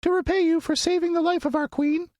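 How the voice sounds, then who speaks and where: Tiny field mice speak up in shrill, high little voices, loyal and fussing over their queen. The pitch is pushed far above a normal speaking voice, and the recording is dry. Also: flat delivery, a little fast, a little mellow, dry recording. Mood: eager.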